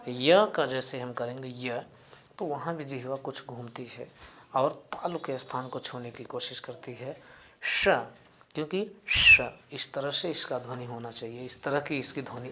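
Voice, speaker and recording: Slow, deliberate male teacher. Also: mid-range voice, bright, forceful tone. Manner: slow, deliberate, repeating and spelling out sounds. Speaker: Sanskrit teacher. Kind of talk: explaining a grammar lesson.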